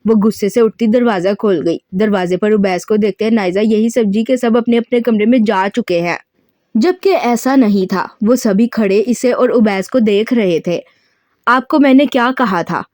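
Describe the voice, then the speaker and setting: A woman's voice: mid-range voice, normal speed, mellow, no echo, studio quality. A woman narrating an audio novel, reading the dialogue expressively and lifting her voice for quoted speech. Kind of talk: scripted narration with dialogue read in character.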